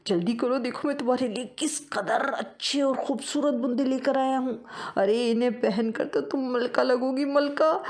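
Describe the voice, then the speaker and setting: A woman's voice: sits high, moderate pace, darkish tone, pitched above the performer's own voice, lightly acted. A woman voicing an eager male mouse who dotes on his wife, pleading and coaxing in a storybook.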